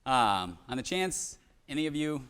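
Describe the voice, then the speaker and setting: A man's voice: medium pitch, big pitch swings, unhurried, a bit bright, clear, resonant tone. A young man giving a live presentation, telling self-deprecating stories with humor. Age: young adult. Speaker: conference speaker.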